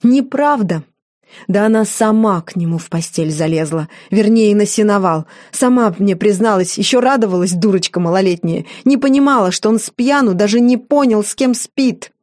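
A woman reading an audiobook, voicing a sharp-tongued young noblewoman with a mocking, sneering manner. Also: medium pitch, moderate pace, hardly any pauses, lightly acted.

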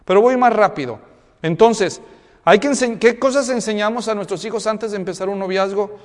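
High-voiced pastor in a reverberant hall. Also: male voice, moderate pace. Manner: conversational, full of rhetorical questions and humorous anecdotes. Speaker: pastor giving a conference talk to parents. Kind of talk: church conference talk. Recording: long reverb of a large hall.

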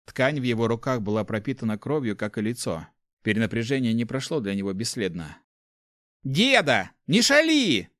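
A man narrating an audiobook in a lively, expressive way. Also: fairly low pitch, quick pace, no echo, clean studio sound. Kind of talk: scripted narration.

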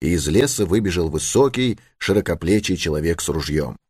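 Male audiobook narrator, low and lively, dry close sound. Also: fairly quick, husky, dry recording. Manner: expressive storytelling. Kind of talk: scripted narration.

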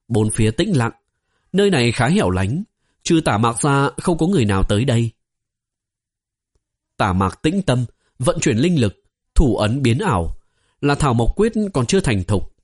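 A man narrating a fantasy novel as an audiobook, in a steady storytelling manner. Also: mid-range voice, slightly rough. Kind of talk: scripted narration.

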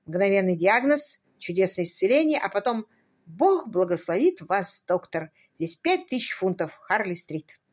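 A woman voicing a curious, witty aristocratic gentleman detective who muses aloud in playful questions. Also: mid-range voice, big pitch swings, a little slow. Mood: musing. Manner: musing, playful rhetorical questions.

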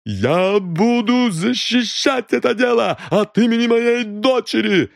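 A shrill, furious middle-aged woman, as a male reader puts her on hurls indignant outbursts in a raised, strained voice. Her defiance climbs ever higher. The sound is close and dry, with no room around it. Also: lively intonation, takes it slowly, creaky, no echo, heavily acted.

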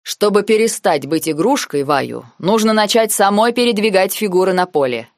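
A woman reading the lines of a cold, calculating noble uncle in an audiobook, measured and sarcastic. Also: medium pitch, animated, no echo, clean studio sound, voice pushed up, close to an everyday voice. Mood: cold, lecturing. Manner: measured, lazy, coldly sarcastic.

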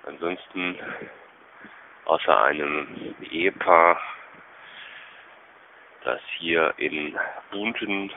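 A man giving a deadpan, formal, halting mock-official report over a muffled public payphone line. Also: sits low, gravelly, a little hiss or hum. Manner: formal, dry, halting phrasing. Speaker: field reporter calling in by payphone. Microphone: telephone handset.

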